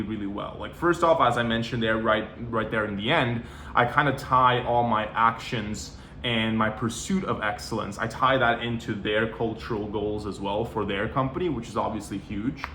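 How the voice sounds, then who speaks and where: Man in his 20s, easygoing advice talk, mid-pitched voice, roomy echo. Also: pushed and bright, a little hiss or hum. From Norway. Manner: conversational, with frequent "you know" and "like". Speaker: sales coach. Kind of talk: casual talking-head advice.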